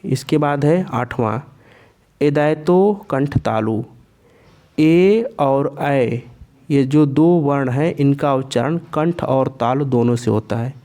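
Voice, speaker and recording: A man's voice: mid-range voice, dark tone. A man teaching a Sanskrit pronunciation lesson, carefully sounding out each letter aloud for learners. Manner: slow and deliberate, repeats each sound aloud to demonstrate. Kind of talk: explaining a grammar lesson.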